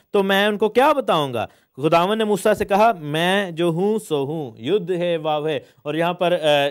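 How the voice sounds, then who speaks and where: High-voiced pastor teaching a sermon. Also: male voice. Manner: explains word meanings, mixes in English phrases, many hesitations.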